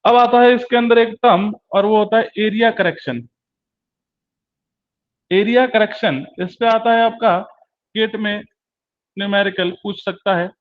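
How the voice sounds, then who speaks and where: High-voiced man giving a slow lecture. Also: steady tone. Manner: repeats key terms slowly, asks and answers own questions. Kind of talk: classroom lecture. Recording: dull lo-fi recording.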